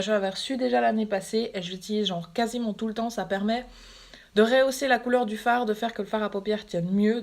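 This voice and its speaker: A woman with a Swiss French accent chatting casually while unboxing makeup on a phone livestream, amused and laughing often. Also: medium pitch. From Switzerland. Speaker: beauty vlogger.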